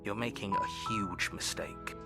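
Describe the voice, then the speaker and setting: An actor playing a stern, disapproving storybook narrator in a video game, measured and theatrical. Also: male voice, lowish voice, close to an everyday voice. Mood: stern warning. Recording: loud game music behind the voice.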